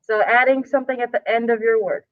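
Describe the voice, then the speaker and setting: A woman's voice: fairly high pitch, fairly even intonation, fast talker, dry recording. A woman teaching a live class lesson, explaining step by step in a casual, chatty way. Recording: tinny phone-like sound.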